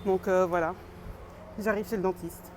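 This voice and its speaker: A woman's voice: fairly low pitch, fairly even intonation, moderate pace, background noise. A woman vlogger chatting casually and slangily, as if to friends. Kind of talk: casual vlog chat.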